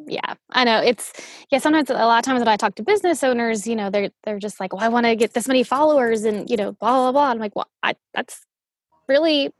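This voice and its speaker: A woman's voice: on the high side, quick pace, no echo. A woman from New Orleans hosting a casual podcast interview, upbeat and chatty, saying "like" a lot. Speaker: podcast host.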